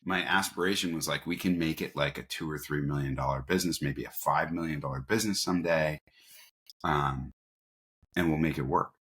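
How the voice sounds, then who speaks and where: The man, a company founder appearing as an interview guest, talks a little fast in a bass voice with a fairly bright tone. His storytelling is casual and informal, peppered with acted-out dialogue.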